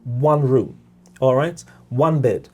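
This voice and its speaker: Soft music plays in the background as a middle-aged Guyanese man talks on a podcast. He is measured and reflective, repeats words, and frequently checks in with "all right?", his medium-pitched voice a little mellow.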